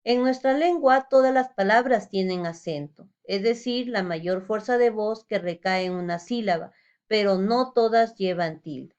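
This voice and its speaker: A woman's voice: medium pitch, unhurried, darkish tone, clean tone, highs cut off. A woman teacher giving a recorded lesson, explaining step by step and asking rhetorical questions.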